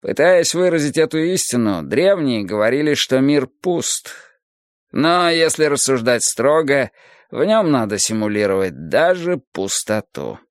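A man reads in a raised voice for a calm philosopher who lectures slowly and gently on hard ideas, a little sorrowful. The voice lifts and swings widely through each line. It is read dry and close, with no room heard. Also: mid-range voice, no echo, pitched above the performer's own voice. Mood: musing. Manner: slow, measured, lecturing. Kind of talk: audiobook character reading.

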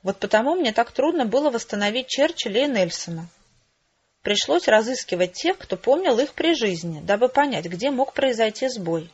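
A woman voicing a wry, unflappable middle-aged father in an audiobook, calm and ironic. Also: a little high, moderate pace, slightly rough, dull audio. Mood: scheming.

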